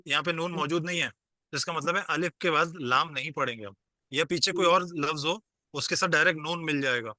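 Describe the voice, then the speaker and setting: Bright, dry-voiced man teaching a class. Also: on the high side, dry recording. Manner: patient, explains step by step and quizzes the class. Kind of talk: online class lecture. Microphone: video call.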